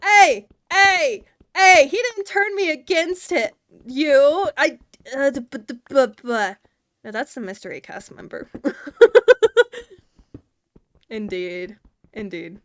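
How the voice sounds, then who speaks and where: एक दक्षिणी अमेरिकी लहजे वाली महिला, थोड़ी ऊँची आवाज़ में, लाइवस्ट्रीम पर मज़ाकिया अंदाज़ में बातें करती और बार-बार हँसती हुई।. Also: female voice, high voice, takes it slowly, pauses often, no room sound. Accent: Southern US. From Southern United States. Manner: playful, laughs often, stumbles over words. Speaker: streamer. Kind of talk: casual livestream chat.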